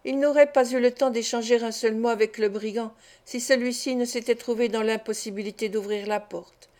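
A woman narrating a classic novel as an audiobook, in a steady, measured way. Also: a little high. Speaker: audiobook reader.

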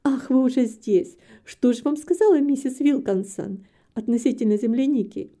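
A woman's voice: sits high, normal speed, dark tone, voice pushed up, close to an everyday voice. A woman reading a storybook aloud, voicing a flustered, overworked middle-aged housekeeper who frets and complains. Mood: fretful. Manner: fretful, complaining, sighing.

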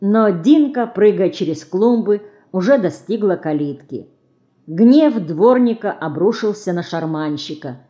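A woman narrating an audiobook in an even, measured storytelling manner. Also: medium pitch, lo-fi sound. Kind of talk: scripted narration.

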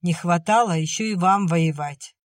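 A woman's voice: lowish voice, moderate pace, no echo, natural voice. A woman voicing a reserved male doctor who speaks curtly and dryly. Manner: dry, curt.

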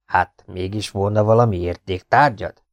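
A man doing a gruff, cocky fat scorpion charmer. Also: deep voice, dry recording, studio quality. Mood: demanding. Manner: blunt, scolding, slow and cocky. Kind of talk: audiobook character voice.

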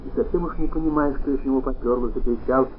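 A man narrating a literary story aloud in an expressive, animated reading style. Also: mid-range voice, fast talker. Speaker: audiobook narrator. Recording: tinny phone-like sound, faint noise.

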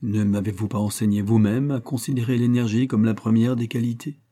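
A male narrator speaks as a proud young heiress with a firm, cool resolve. His voice stays mellow and fairly low even as he lifts it a little for her. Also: a little fast, lightly acted. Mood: resolute. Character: proud, strong-willed young heiress, woman.

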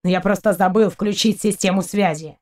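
A woman's voice: mid-range voice, fairly even intonation, fairly quick, a little mellow, natural voice. A woman reading aloud, voicing a brash male ship captain who grumbles and speaks curtly. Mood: gruff. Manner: grumbling, curt.

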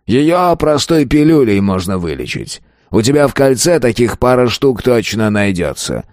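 A man's voice: mid-range voice, big pitch swings, moderate pace, a little mellow, no echo, studio quality, natural voice. A man voicing an ancient male raven who talks in a cackling, amused, condescending way.

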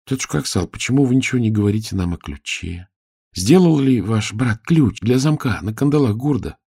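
A man voicing a mischievous little girl dressed as a page, in a high, pleading, lively voice for a storybook reading. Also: a little fast, vocal fry, breathy edge, no room sound, clean studio sound. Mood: earnest.

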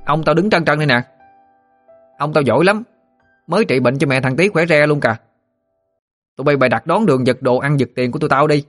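A man's voice: fairly high pitch, fairly quick, long pauses, faint music behind, voice pushed up, lightly acted. A man doing a cheeky young village boy. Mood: boastful. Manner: cheeky and boastful. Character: bold young village boy defending his friends.

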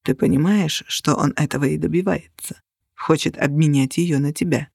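A reader voicing a calm, sorrowful ancient male vampire who speaks quietly and measuredly. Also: mid-range voice, moderate pace, gravelly, breathy edge, no echo, clean studio sound, pitched below the performer's own voice. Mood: sad calm.

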